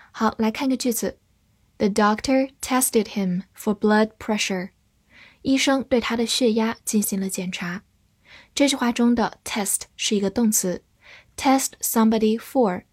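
A woman giving a scripted English vocabulary lesson, spelling words out letter by letter and reading example sentences slowly. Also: mid-range voice, breathy edge, no echo, clean studio sound.

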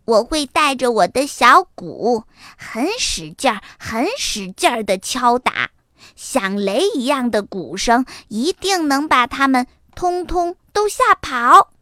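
A bold little boy fox, bursting with excitement and boasting about his adventures, as a woman puts him on. The voice runs high and swoops widely, unhurried. It sits in a dry, close storybook recording. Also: no echo, full character voice. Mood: eager. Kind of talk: children's storybook reading.

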